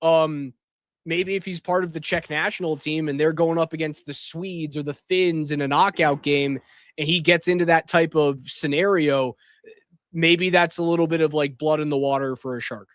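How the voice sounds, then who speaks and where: A man hosting live post-game hockey commentary, speaking emphatically and deliberately, often repeating phrases for weight. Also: fairly high pitch, steady tone, a bit bright, no room sound, clean studio sound. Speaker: sports show host. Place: hockey arena after a game. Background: arena racket.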